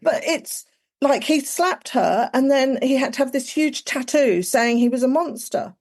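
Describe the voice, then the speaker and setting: A woman's voice: high voice, expressive, measured pace, darkish tone. Chatty woman guest. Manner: chatty, frequent "like" and "you know". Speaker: guest, executive coach. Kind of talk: casual podcast conversation.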